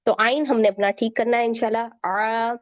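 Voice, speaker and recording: A woman with a somewhat high voice gives a recitation lesson. She speaks patiently, stretching each example sound, and checks in often with her students. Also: steady tone. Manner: patient, drawn-out example sounds, frequent "theek hai". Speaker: Quran recitation teacher. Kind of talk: tajweed lesson.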